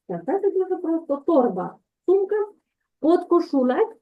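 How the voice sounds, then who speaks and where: A woman's voice: very high-pitched, big pitch swings, normal speed. A woman teacher giving an online language lesson, explaining patiently and checking in often with her students. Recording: tinny phone-like call audio.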